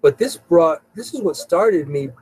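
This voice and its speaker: Rambling through a live show, this middle-aged host keeps repeating himself in casual stream talk. He sits on the high side, expressive and a little slow, with a mellow, husky tone; the recording is rough but carries no room sound.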